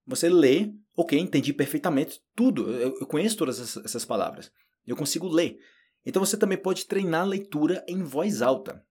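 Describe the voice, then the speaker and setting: A man's voice: medium pitch, a little mellow, breathy edge. A man with a Brazilian Portuguese accent giving a casual video lesson for language learners, chatty and asking the viewer questions. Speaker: language teacher.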